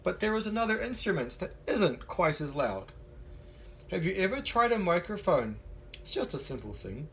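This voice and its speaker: A man voicing a friendly female animal musician from a children's storybook, gently coaxing and instructive. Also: high-pitched, big pitch swings, moderate pace, slight background noise, full character voice. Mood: gently persuasive.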